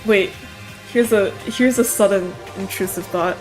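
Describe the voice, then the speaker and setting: A woman reads a story aloud casually, voicing lines and reacting playfully. Her voice sits at a middle pitch. Music runs behind the narration. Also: measured pace, rough recording.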